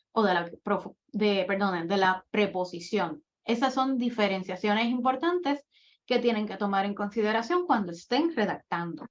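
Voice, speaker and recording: A woman giving a workshop lecture, explaining writing rules step by step with example after example. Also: medium pitch. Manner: methodical, lists rules and examples one by one. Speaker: admissions coordinator giving a workshop. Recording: dull lo-fi recording.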